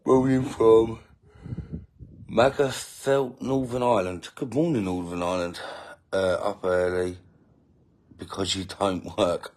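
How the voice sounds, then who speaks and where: A man's voice: sits low, slightly rough. A man hosting a casual live stream, greeting viewers and answering comments in a rambling, self-interrupting way with indignant asides while he feeds his baby. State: feeding a baby while talking. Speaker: family channel host reading live comments.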